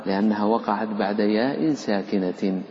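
A man teaching a live class on recitation, moving between explaining rules and chanting verse examples. He questions his students and jokes with them as he goes. The sound is dull and low-fi, and his voice echoes through a large hall with long reverb. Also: normal speed. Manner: lively, questions and teases the students. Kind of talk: live tajweed lesson.

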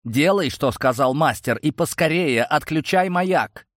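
A man's voice: a little high, expressive, unhurried, fairly bright tone, dry recording, clean studio sound, pitched above the performer's own voice. A man reading a story, voicing a hostile, suspicious guardsman who snaps and accuses. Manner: snarling, accusing.

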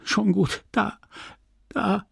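A man reading an audiobook voices a despairing young woman who has been poisoned, speaking in a husky, faltering, pleading way. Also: high voice, little pitch movement, drawn-out words, fairly bright tone, no room sound, clean studio sound, pitched above the performer's own voice, exaggerated voice. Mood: faint anguished.

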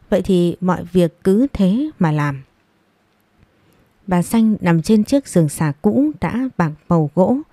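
A woman reading a family story aloud in an even storytelling manner. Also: lowish voice, dry recording. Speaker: story narrator. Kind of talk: scripted narration.

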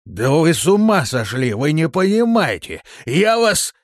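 A male audiobook reader voicing a burly, cowardly thug who yells, pleads and sobs in a strained, raised voice. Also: a little high, very animated, moderate pace, dry recording, clean studio sound, pitched above the performer's own voice. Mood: panicked. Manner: yelling, pleading, sobbing. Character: panicky burly male thug, shrill and whining. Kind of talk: audiobook character voice.

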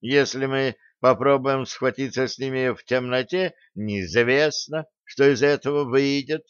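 A sullen soldier who argues for caution, as a male reader voices him, measured and stiffly polite. The audiobook recording is dry and a bit dull. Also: medium pitch, fairly even intonation, smooth, dry recording, close to an everyday voice. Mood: gloomy. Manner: gloomy, deliberate, overly polite.

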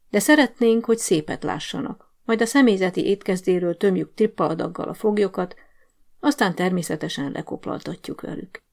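A woman's voice: mid-range voice, vocal fry, darkish tone. A woman voicing a bossy, scheming male prison sergeant-major who barks orders at a guard in an audiobook story. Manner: commanding, barking orders.

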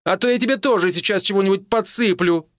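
Man voicing village herbalist woman, high put-on voice, sharp-tongued, scolding, exclamatory, dry close sound. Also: no room sound. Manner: lively, scolding, quick to exclaim.

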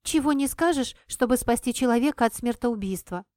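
A woman reading an audiobook and voicing an impulsive, sharp-tongued young heroine in a raised, emphatic voice. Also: a little fast, no room sound, natural voice. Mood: emphatic, stubborn. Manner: emphatic, higher and livelier than the narration.

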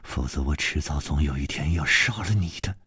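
A cold, fierce young swordswoman, put on by a man, speaks low and hushed, her threat barely above a breath. The voice is husky and set close and dry, as in a radio storybook. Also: fairly quick, no room sound, heavily acted. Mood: defiant.

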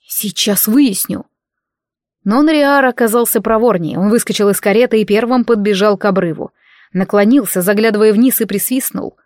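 A woman narrating a fantasy novel in an even, measured storytelling voice. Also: medium pitch, dry recording, clean studio sound. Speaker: audiobook reader.

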